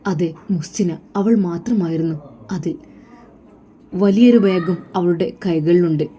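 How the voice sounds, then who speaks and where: Lady telling a story, lowish mellow voice, bit of hiss. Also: unhurried. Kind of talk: dramatic story narration.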